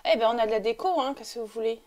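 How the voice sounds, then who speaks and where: A woman's voice: on the high side, rapid-fire, a little mellow. A woman giving casual gameplay commentary, chatty and talking to the game characters as she plays, sniffling now and then. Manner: chatty, talks to the game characters and coaxes them. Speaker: let's play commentator.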